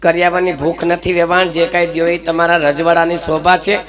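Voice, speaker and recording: A man in a folk stage comedy, voicing a boastful, sharp-tongued older mother-in-law who teases and scolds. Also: a little high, flat delivery, brisk, lightly acted. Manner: teasing, scolding, bragging. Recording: live stage show with loud crowd.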